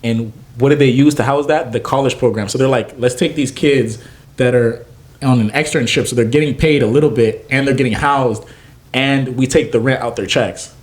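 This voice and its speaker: A man's voice: mid-range voice, normal speed. A young adult man from Naples, Florida, a chef and food truck owner, telling stories in a casual interview and acting out the voices of the people he quotes. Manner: animated storyteller, acts out quoted voices.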